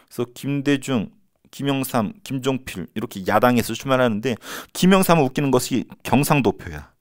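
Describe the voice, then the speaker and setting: Animated male history teacher, casual lecture. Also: mid-range voice, no room sound, studio quality. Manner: animated, acts out quotes and chants.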